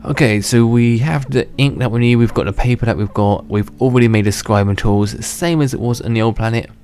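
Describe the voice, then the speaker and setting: This young gaming channel host talks a little fast at medium pitch, his voice a little mellow and slightly worn from being unwell. He gives easygoing, rambling commentary while gaming, often restarting sentences and chuckling to himself. Faint music plays underneath.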